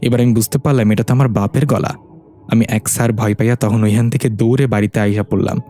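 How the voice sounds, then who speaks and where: A humble young petty thief, voiced by a man, nervously recounting a frightening tale. The tone is mellow and warm, with faint music underneath in this storybook reading. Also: on the low side, steady tone, fast talker, lightly acted. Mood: fearful retelling. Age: 20s.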